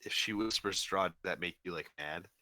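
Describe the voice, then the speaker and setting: A man's voice: low voice, fairly quick, sharp tone, dry recording. A young man running a tabletop game as game master, with wry, easygoing rulings.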